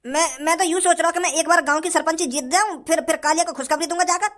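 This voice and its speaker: A scheming male village election candidate from a cartoon, persuasive one moment and stammering the next, voiced by a woman. The voice is very high. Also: moderate pace, bright, forceful tone. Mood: nervous. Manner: stammering when cornered, persuasive with crowds. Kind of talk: cartoon voice acting.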